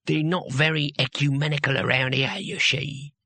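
A man's voice: a little high, little pitch movement, normal speed, pushed and bright, no echo. A man voicing a very old, wiry barbarian who speaks in blunt, threatening whispers with a damp, squelchy voice. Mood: menacing. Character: very old wiry male barbarian, menacing and gruff.

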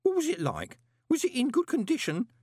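Elderly postman, breathy and insistent, dry studio sound. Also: extremely high pitch, huge pitch swings, a little fast, dark tone, dry recording, voice pushed up, full character voice. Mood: horrified. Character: small elderly postman, fussy and aghast.

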